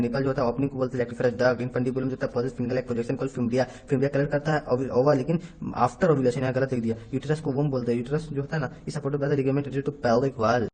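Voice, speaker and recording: A man teaching a rapid exam revision lecture, mixing Hindi with English science terms and marking each statement right or wrong. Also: medium pitch, darkish tone. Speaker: biology teacher.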